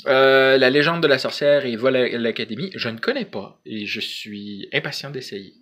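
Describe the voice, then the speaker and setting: A man's voice: medium pitch, moderate pace, fairly bright tone. A man with a Quebec French accent chatting casually to camera as a vlogger, hesitant and rambling, in colloquial slang.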